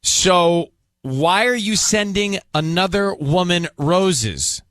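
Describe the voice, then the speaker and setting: Calm, firm male radio host. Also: sits high, slow, no echo. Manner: calm, firm, pressing questions. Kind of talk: radio call-in segment hosting.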